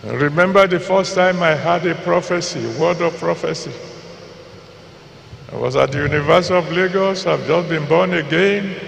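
A man with a Nigerian accent preaching a sermon deliberately, pausing between short phrases and repeating them for emphasis, his voice gravelly and creaky. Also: a little high, a bit bright. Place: large church auditorium with PA reverb. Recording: reverberant large hall, faint background noise.

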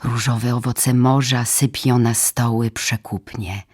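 A husky woman slowly recites solemn, dramatic poetry for an audiobook in a radio theatre studio. Her rumbling low voice is a little mellow with fairly even intonation, and she phrases deliberately in short, measured lines.

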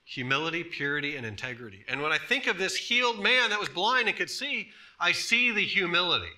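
A man in his thirties preaches a sermon in a church sanctuary. His voice is bright and ringing, a little high, with a very lively melody. He sinks to near-whispers and then surges into loud, emphatic bursts. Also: fairly quick. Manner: swings from soft hushed tones to loud emphatic bursts. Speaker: pastor.

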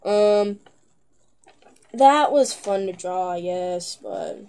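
A young teenage girl chatting to her camera in a loose, rambling vlog, with plenty of filler words and giggles. She talks slowly, in an unhurried drawl. Her tone is soft and mellow rather than bright. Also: mid-range voice, clear, resonant tone. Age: young teen. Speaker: vlogger. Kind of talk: casual chat to camera.

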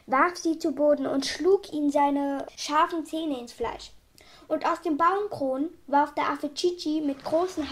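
A woman reading a children's storybook aloud in a lively, expressive way. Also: high-pitched. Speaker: audiobook reader.

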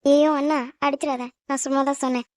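A woman's voice: high voice, level tone, darkish tone, no room sound, lightly acted. A woman voicing a cheeky teasing kid sister. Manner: quick, playful teasing. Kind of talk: cartoon family drama voice acting.

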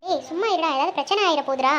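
Shrill, bright-voiced bossy best friend in a cartoon, blunt and teasing, voiced by an actor. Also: rapid-fire, highs cut off, slight background noise. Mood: advising. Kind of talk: comic cartoon dialogue.

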